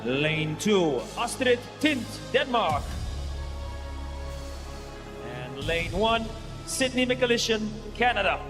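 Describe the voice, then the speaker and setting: A man announcing athlete introductions over a venue PA in a booming, pumped, drawn-out style. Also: big pitch swings. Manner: slow, drawn-out, booming delivery. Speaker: arena announcer. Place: large indoor competition venue over a PA. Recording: echoey hall PA, loud music behind.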